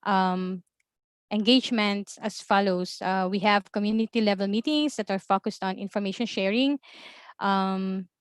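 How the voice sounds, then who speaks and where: A Filipino woman with a Filipino accent, from the Philippines, presents as an observatory information officer in a webinar. She speaks in a measured way with lots of ums and uhs, her medium-pitched voice steady and smooth. The recording is dry and studio quality.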